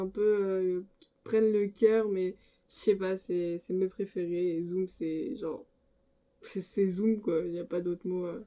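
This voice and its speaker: A teenage girl talks casually to her audience from her room and often stumbles and restarts her sentences. Her voice is mid-pitched and very dark and mellow. The lo-fi recording sounds dull. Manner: chatty and hesitant, lots of filler sounds and restarts. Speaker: book and music vlogger. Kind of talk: casual chat answering a fan tag.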